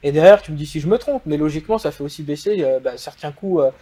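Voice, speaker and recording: A man's voice: on the high side, lively intonation, fast talker, dark tone. A man with a French accent, a guest in a casual interview, explaining at length with many fillers. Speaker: guest, e-commerce agency founder.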